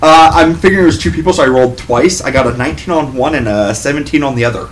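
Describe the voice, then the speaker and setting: A man's voice: mid-range voice, fast. A man playing a tabletop role-playing game, talking casually and speaking for his character. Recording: faintly noisy room.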